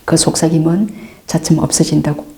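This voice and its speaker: A middle-aged woman, a Buddhist nun, patiently answering meditation questions, calm and repetitive, sometimes dropping into soft asides. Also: deep voice, a little fast, gravelly. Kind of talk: dharma Q&A teaching.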